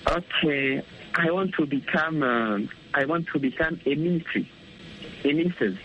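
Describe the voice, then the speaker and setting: A man's voice: fairly high pitch, normal speed, highs cut off, a little hiss or hum. A man in his twenties practicing English on a call, hesitant and repeating words as he searches for them. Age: 20s. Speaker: caller. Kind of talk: casual language practice chat.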